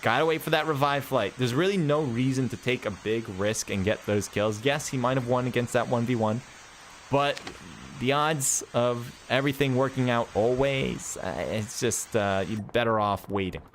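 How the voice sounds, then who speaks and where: A man's voice: mid-range voice, slight background noise. Man casting a live game over gunfire. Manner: quick excited calls with chatty self-talk asides. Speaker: esports caster. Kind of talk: live play-by-play commentary. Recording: game gunfire and vehicles behind voice.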